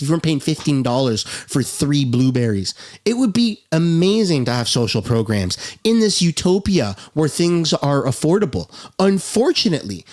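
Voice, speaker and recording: A man in his thirties delivers furious reaction commentary, full of sarcasm and swearing. His pitch leaps about, rising into near-shouts and dropping to low mutters. It sounds like a heated one-man rant. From Canada. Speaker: political commentator.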